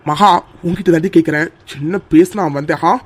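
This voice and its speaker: A young man's voice at an ordinary pitch, a loyal best friend in a cartoon, as a performer acts him out. He pleads and comforts with steady insistence, repeating his gentle urging. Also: brisk, lightly acted. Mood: pleading. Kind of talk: cartoon voice acting.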